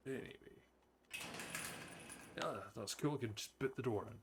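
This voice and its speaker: A Scottish man streaming a horror game live, reading the characters' lines aloud and breaking into excitable outbursts. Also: mid-range voice, normal speed. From Scotland. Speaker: gaming streamer. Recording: clear background noise behind voice.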